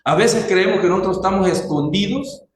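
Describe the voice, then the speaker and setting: A man preaching a sermon slowly and deliberately, putting questions to his congregation. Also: high-pitched, reverberant, slight background noise, low-quality recording.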